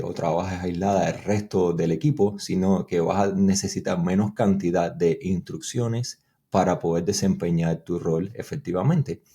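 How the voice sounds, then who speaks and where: Deep-voiced Cuban man explaining. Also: dark tone. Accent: Cuban Spanish. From Cuba. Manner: thoughtful, explanatory, with restarts. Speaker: guest engineer. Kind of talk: conversational interview answers.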